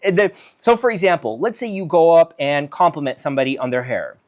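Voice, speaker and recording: A man speaks with a lively, swinging pitch, his voice rising and falling freely. He is a physician giving a solo talk, reading from notes and acting out example lines. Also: a little fast. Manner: animated, acts out quoted lines, reads from notes. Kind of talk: solo talk on conversation skills.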